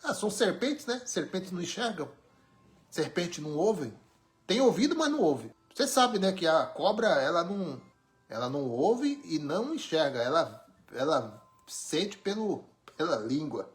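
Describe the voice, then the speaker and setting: A man's voice: on the high side, sing-song, moderate pace. A man from Brazil, preaching an informal sermon with emphatic, wry rhetorical questions. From Brazil, born in Pernambuco, raised in São Paulo.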